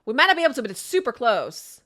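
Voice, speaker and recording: Fast and sing-song, her slightly high voice has a fairly bright tone. This young woman makes gaming content, casually narrating her play to viewers in a chatty, upbeat manner, sniffly from a sinus infection and recorded on an indoor desk mic.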